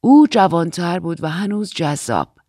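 A woman narrating a novel in a calm, expressive storytelling voice. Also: lowish voice, no echo, studio quality. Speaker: audiobook narrator. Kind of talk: scripted literary narration.

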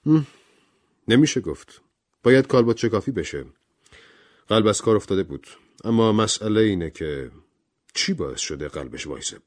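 A man voicing a composed middle-aged doctor who speaks in a measured, grave way. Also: lowish voice, big pitch swings.

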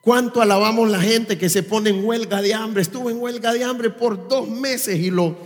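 Male preacher, high pitch, sermon, questions to the congregation, long church-hall reverb. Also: moderate pace. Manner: quizzes the congregation with rhetorical questions. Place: church service.

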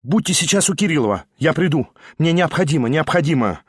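A man voicing an agitated, pushy male schemer who keeps pressing and shouting questions. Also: a little high, animated, a little fast, breathy edge, no echo, studio quality. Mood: pleading.

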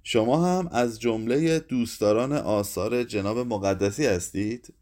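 A man's voice: mid-range voice, dark tone, natural voice. A man reading aloud, voicing a blunt, teasing male friend at a drinking party.

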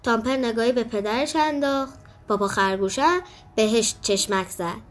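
A woman acting as storyteller, reading a children's story aloud in an expressive, even way. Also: a little high, faint music behind.

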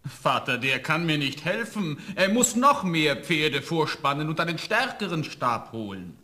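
An actor playing a huge young giant who is the son of a farmer, in a radio play, blunt and demanding. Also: male voice, a little high, big pitch swings, measured pace, noisy background. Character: young male giant, huge, strong and always hungry.

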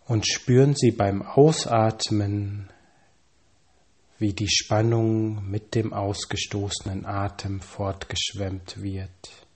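A man calmly reading scripted guided relaxation instructions, with measured pauses and slow counting. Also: on the low side, breathy edge.

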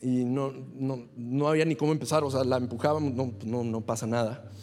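A man preaching a Sunday sermon as pastor, telling a personal story in an animated way with bursts of laughter. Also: mid-range voice, brisk. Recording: reverberant hall.

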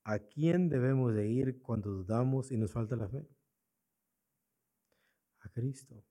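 A man's voice: medium pitch, a little slow, mellow. A man preaching a sermon in a church, asking his congregation rhetorical questions and repeating his key points. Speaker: pastor.

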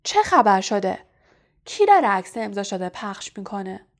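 A woman voicing a vain, showy male teacher who talks in a booming, cheerfully pompous way. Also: very animated. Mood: jovial.

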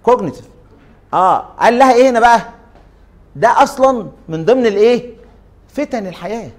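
A man's voice: very high voice, animated, a little fast. A man with an Egyptian Arabic accent giving an interactive lecture. He often questions the class and stretches out his fillers.

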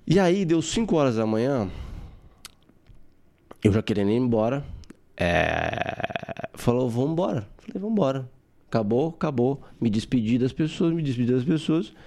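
A young man hosting a podcast, telling a personal story in a casual, animated way with some swearing. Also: mid-range voice, moderate pace. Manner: animated, swearing, acts out his own quotes. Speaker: podcast host.

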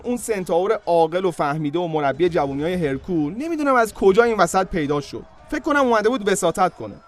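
A man hosting a podcast, telling comic stories in a casual way with joking asides to the listener. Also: sits high. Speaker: podcast host and storyteller. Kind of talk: comic storytelling narration.

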